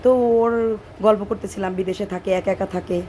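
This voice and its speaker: Hoarse bangladeshi lady cooking at home at night, chatty and rambly, faint noise in the back. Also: mid-range voice, fairly even intonation, normal speed, warm tone. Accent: Bangladeshi Bengali. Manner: chatty, digressive storytelling while cooking. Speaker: cooking vlogger. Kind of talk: casual cooking narration.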